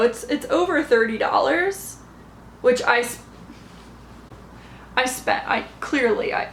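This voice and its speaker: Slow-talking woman with a gravelly voice. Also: on the high side. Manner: chatty, rambling, many fillers and restarts. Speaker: knitting podcast host. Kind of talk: casual chat showing yarn haul. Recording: echoey room, faint background noise.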